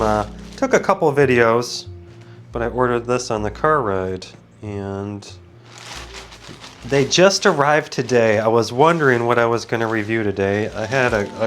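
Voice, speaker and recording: A video host with a mid-range voice reviews a product in a casual unboxing chat, sounding groggy after waking and a bit stuffed up with sinus congestion. He's easygoing and rambling, often wandering onto tangents and interrupting himself.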